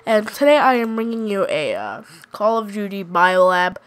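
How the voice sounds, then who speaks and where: A gaming YouTuber with a cold gives casual gameplay commentary in a congested, sick-sounding voice, calling out map locations. She rambles, sounds unsure and keeps correcting herself. Her mid-range voice is sing-song at a moderate pace.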